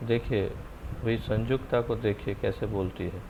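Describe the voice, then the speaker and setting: Gravelly man teaching a scripture class. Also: lowish voice, steady tone, normal speed. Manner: firm, encouraging, corrective. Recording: muffled online call audio with faint noise.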